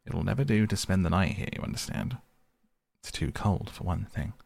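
A hearty, steady water rat, as a man puts him on in a storybook reading, gravelly and husky in a low register. He sounds calm, soothing and sure of himself, close and dry. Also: normal speed, no echo, heavily acted. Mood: brisk. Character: good-natured brave male water rat, steady.

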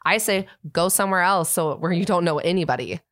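A woman's voice: fairly low pitch, brisk, fairly bright tone, no room sound, studio quality. A young woman co-hosting a podcast, telling stories in a casual, chatty way with lots of fillers. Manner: chatty storyteller, trails off with fillers. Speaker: podcast co-host. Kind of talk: casual chat.

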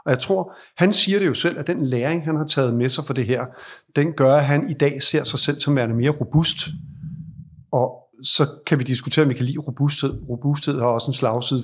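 A man with a husky, slightly rough voice talks through leadership advice in a podcast interview. He is reflective and thinks aloud, circling back and restarting his sentences as he builds his point. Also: medium pitch. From Denmark. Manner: reflective, explains at length with restarts. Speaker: leadership advisor.

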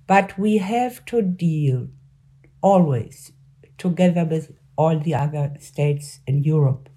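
Halting woman with a German accent. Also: low-pitched, warm tone. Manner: halting, searching for words in a second language. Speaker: former member of parliament, interview guest. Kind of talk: interview answers on politics.

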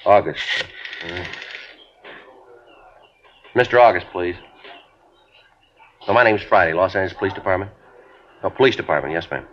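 Police sergeant, very deep, clipped, deadpan, matter-of-fact, dull old radio. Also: male voice, slight background noise. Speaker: detective narrator. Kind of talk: 1950s radio drama narration. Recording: dull 1950s radio broadcast.

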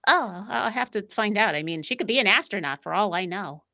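A woman from New York State chatting casually as a podcast guest, often pausing with fillers and restarting her sentences. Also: mid-range voice, expressive, pushed and bright. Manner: hesitant, many fillers and restarts. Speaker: podcast guest, tabletop game player. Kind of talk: casual chat.

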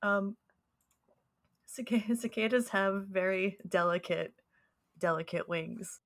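A woman co-hosting a podcast who explains insects in a relaxed, conversational way. She keeps a middle-pitched, easygoing delivery and laughs readily, and is heard over a video call. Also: takes it slowly. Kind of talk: casual chat.

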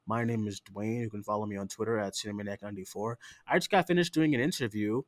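A man's voice: fairly low pitch, fast talker, no room sound. A man co-hosting a late-night podcast in casual, ranting chat, tired and swearing freely. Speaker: podcast co-host.

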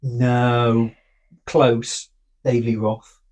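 A podcast co-host reading out a quiz in casual chat, laid-back and quick to giggle. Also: medium pitch, flat delivery, darkish tone.

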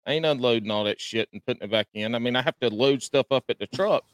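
A man's voice: medium pitch, fast talker, no room sound. A man on a casual podcast, emphatic and profane as he tells his side.

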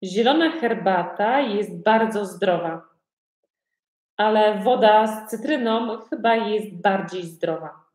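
Woman teacher, very slow deliberate speech, repeats easy questions, echoey room. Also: mid-range voice, a little mellow. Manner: asks learners many simple repeated questions. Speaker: Polish language teacher. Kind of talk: slow repetitive language lesson.

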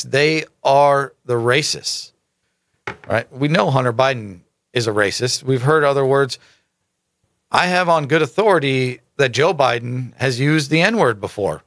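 A man talks through news items in a casual commentary show, reading lines aloud and then breaking off into emphatic asides. His pitch sits in a middle range and the sound is close and dry, with no room around it. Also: fairly bright tone, no room sound. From United States. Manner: emphatic, rhetorical asides, stumbles over names. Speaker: political commentary host.

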